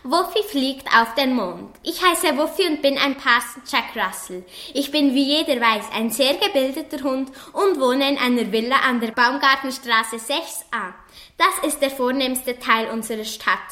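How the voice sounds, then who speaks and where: A woman reading a children's story aloud in a lively storybook manner, recorded in an echoey room. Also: sits high, normal speed.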